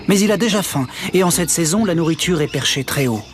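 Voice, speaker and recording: An actor playing an earnest nature documentary narrator, with a solemn, measured storytelling delivery. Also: male voice, a little high, expressive, soft background music, natural voice. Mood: solemn, dramatic.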